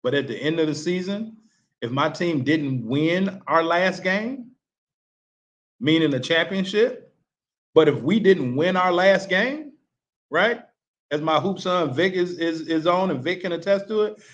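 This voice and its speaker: A man's voice: on the high side, expressive, unhurried, a bit bright. A male basketball coach giving a casual, motivational talk to sports parents, repeating rhetorical questions for emphasis. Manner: casual, colloquial phrasing.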